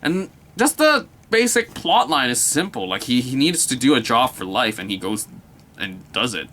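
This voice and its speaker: A man's voice: medium pitch, sing-song, moderate pace, sharp tone. Gushing young man reviewing a movie. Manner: enthusiastic, rambling, many filler words and repeats. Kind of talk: casual video movie review.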